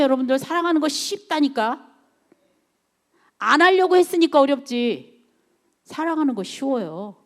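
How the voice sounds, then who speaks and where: High-voiced woman preaching with call-and-response. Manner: call-and-response, repeatedly asking the congregation for amen; acts out inner self-talk in quoted lines. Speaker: missionary preacher. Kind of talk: evening worship sermon.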